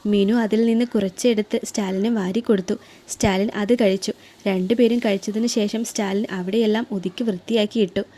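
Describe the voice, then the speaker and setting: A woman reads a romantic serial story aloud in a calm, even narrating voice. Her tone is mellow and warm, with a middle pitch for a woman and a steady, unhurried flow. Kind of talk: scripted narration.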